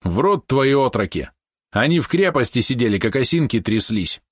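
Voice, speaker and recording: A man's voice: mid-range voice, sing-song, moderate pace, husky, dry recording, clean studio sound, voice pushed up. A man reading aloud, voicing a proud, hot-tempered boy who answers with scorn. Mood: defiant. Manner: sullen, scornful retorts.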